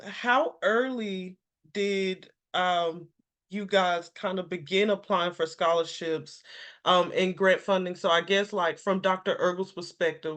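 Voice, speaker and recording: A young adult woman hosting a panel discussion, friendly, with frequent um fillers. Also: on the low side. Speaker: panel host.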